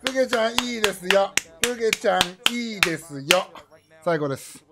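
A man in his thirties crying out loudly in excitement as he commentates a video game match on a livestream. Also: fast talker, very noisy. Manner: loud, high-pitched excited crying out. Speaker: livestream commentator cheering on players. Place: indoor room, streamer's desk.

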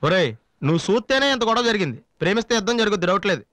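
A man's voice: high voice, animated, fairly bright tone, a little hiss or hum. An actor playing a chatty young male sidekick who rattles off comic advice to his friend. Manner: rapid, rambling advice-giving. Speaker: film actor. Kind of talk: comic film dialogue.

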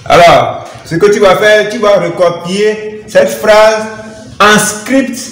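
A man's voice: high-pitched, slow, fairly bright tone. A male teacher with a Togolese French accent giving a reading lesson to young children, patiently spelling out letters and syllables one by one. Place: classroom. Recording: echoey room, voice away from the mic.

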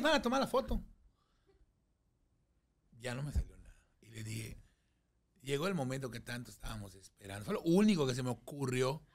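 Animated Mexican man telling a story. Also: mid-range voice. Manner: animated, acts out voices in his anecdotes. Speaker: podcast guest. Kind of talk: casual storytelling chat.

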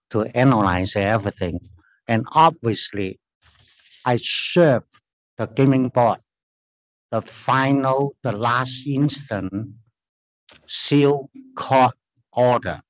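Standing at a lectern in a large hearing room, a middle-aged man with a Chinese accent and a mid-range voice gives formal testimony appealing a denial of his application. He pleads slowly and earnestly in halting non-native phrasing, sounding insistent; the audio is muffled.

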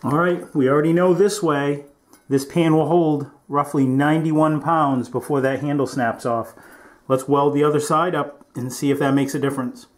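A man's voice: fairly high pitch, steady tone, normal speed. A man hosting a welding show, talking casually in his workshop in a folksy, rambling way. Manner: folksy, rambling, self-joking. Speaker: welding channel host. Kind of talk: casual workshop demo talk. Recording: noisy shop background.

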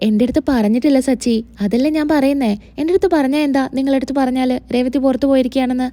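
A woman's voice: sits high, steady tone, very fast, mellow, dry recording, lightly acted. A woman narrator voicing a puzzled, apologetic young wife who explains a mix-up. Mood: explaining.

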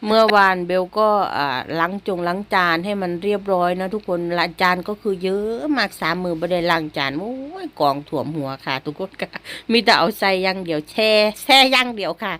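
A woman with an Isan Thai accent, a stay-at-home mother narrating her vlog as a casual voice-over, chatty and quick to laugh, often speaking straight to the viewers. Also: fairly low pitch, fairly bright tone. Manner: chatty, keeps addressing viewers directly; laughs easily between remarks.

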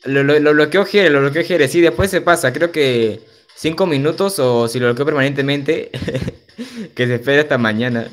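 In this casual gaming livestream, a young man reads his chat aloud, laughs a lot, and talks in a relaxed, slangy way. His pitch is fairly high, his intonation lively, and his pace moderate. Music can be faintly heard underneath.

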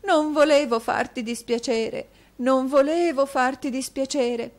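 A woman reading an audiobook and voicing a sobbing, distraught middle-aged milliner's wife with high, drawn-out pleas. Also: expressive, natural voice. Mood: pleading.

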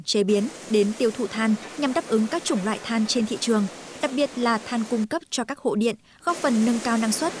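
News voice-over: female, fairly high voice, smooth, even read, faint hiss behind. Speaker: news narrator.

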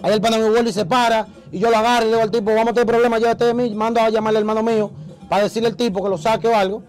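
A man, an interview guest telling a story in a casual, animated way and acting out the voices he quotes. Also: high voice, racing, soft background music, rough recording.

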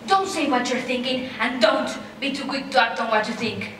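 A woman with a high-pitched, somewhat bright voice plays an overbearing, scolding, dramatic mother of grown children in a comic stage play, speaking at a moderate pace. She's bossy, theatrical and emphatic, repeating herself for effect. A far camera mic captures a very echoey stage with faint noise.

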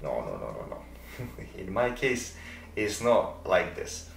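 A fitness content creator and athlete in his twenties, a native Romanian and Russian speaker with a Moldovan accent, explains things casually and emphatically to camera, repeating words for stress. His low voice swings widely in pitch, moves slowly and has vocal fry. He's in an indoor room decorated for Christmas, on a small lapel mic, and the recording has roomy echo, a distant mic sound and faint noise.

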